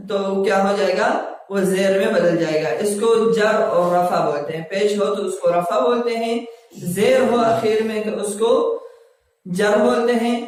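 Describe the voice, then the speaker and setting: A man teaching a language lesson, explaining grammar step by step and reading example sentences slowly, asking questions and answering them himself. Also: sits high. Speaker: Arabic teacher. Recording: echoey room, voice from a distance.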